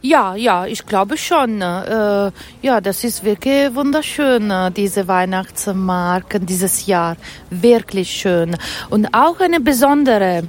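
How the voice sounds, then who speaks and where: A woman's voice: mid-range voice, expressive, slow pace, a little hiss or hum. A woman from northern Italy with an Italian accent and Italian as her first language, interviewed at an outdoor Christmas market stall, often searching for her German words. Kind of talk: casual interview.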